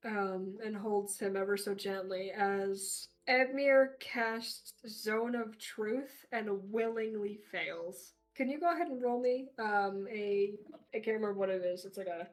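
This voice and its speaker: A woman's voice: mid-range voice, measured pace, faint music behind. A woman narrates her tabletop character in a casual, slangy way. Her voice sits in a middle range. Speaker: player.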